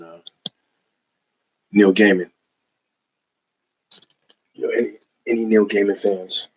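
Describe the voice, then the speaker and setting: A man's voice: deep voice, a bit bright, slightly rough, rough recording. A man in a casual, rambling collector's video, talking loosely with slang and plenty of fillers as he shows his finds. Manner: laid-back, slangy, rambling with many fillers. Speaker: comic book collector showing a haul. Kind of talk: casual haul video chat.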